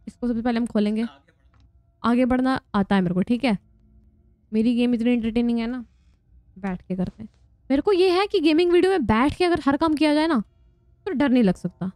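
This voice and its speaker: Chatty young woman gamer, high voice. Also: dark tone, no echo. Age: young adult. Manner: chatty, joking, squeals and laughs when scared. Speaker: gaming vlogger. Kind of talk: casual gameplay commentary.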